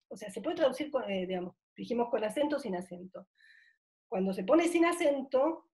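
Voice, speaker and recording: A middle-aged woman, a university professor, giving an academic conference talk in a thoughtful way, often pausing on drawn-out fillers as she searches for words. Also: a little high, a little mellow.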